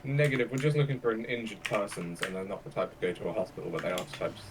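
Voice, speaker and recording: A man's voice: on the low side, fairly even intonation, fast talker, far from the mic, noisy background. A man calling in over a walkie-talkie radio as a police dispatcher, using terse radio codes.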